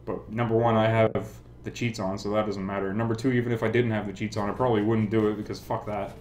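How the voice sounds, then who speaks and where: A man's voice: fairly low pitch, level tone, fast talker. A young man hosting a game let's play, chatting casually and swearing a lot. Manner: laid-back, swears a lot. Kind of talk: casual gameplay commentary. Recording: roomy, loud game music behind. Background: game music.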